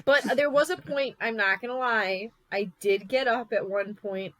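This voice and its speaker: A woman's voice: on the high side, unhurried, dry recording, rough recording. Giggly woman with a Wisconsin accent. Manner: giggly, animated and self-mocking. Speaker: podcast co-host. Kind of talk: casual chat.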